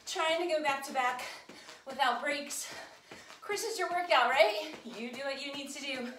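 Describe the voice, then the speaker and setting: High, bright woman coaching a workout. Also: moderate pace. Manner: encouraging, calling out instructions while exercising. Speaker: fitness instructor. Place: home garage gym. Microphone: camera several metres away. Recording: echoey room, distant mic, background noise.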